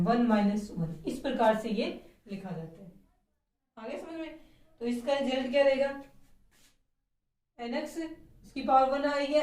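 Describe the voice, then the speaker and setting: A woman chemistry teacher lectures her class, explaining things step by step and asking rhetorical questions. Her voice is on the high side with a darkish tone, heard from a distance in an echoey room.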